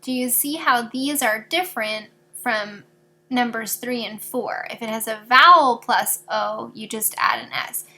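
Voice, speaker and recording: Bright, high-voiced teacher explaining a lesson. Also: female voice, animated, a little slow, a little hiss or hum. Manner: patient, explains step by step with examples. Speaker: fourth grade teacher. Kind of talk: recorded video lesson.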